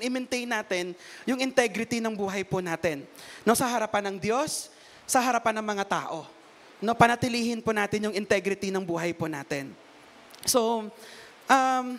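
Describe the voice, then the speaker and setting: A man with a strikingly high voice gives a relaxed, chatty sermon that moves between Tagalog and English. He keeps pulling listeners in with quick tag questions, like a preacher talking with the congregation rather than at it. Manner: conversational, peppers talk with tag questions. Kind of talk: Taglish sermon.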